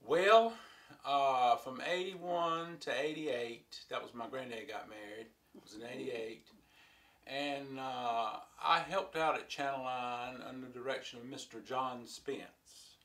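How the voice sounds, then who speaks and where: A man in his fifties speaks at a middle pitch in a halting way, stopping often and filling gaps with fillers. He is recorded from across a living room by a camera. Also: a bit bright. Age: 50s. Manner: halting, many pauses and fillers. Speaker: interviewee, old friend. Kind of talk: casual reminiscing.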